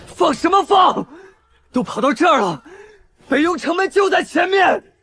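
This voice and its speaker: An actor playing a stubborn young martial-arts hero in a fantasy drama, shouting over wind. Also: male voice, extremely high pitch, very animated, moderate pace, full character voice. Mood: desperate, defiant.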